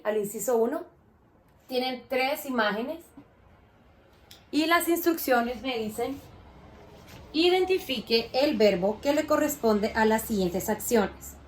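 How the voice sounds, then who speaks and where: Woman teacher, higher voice, very slow and patient, talks kids through a lesson; faint noise behind. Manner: slow and patient, asks questions and praises answers. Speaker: primary school teacher.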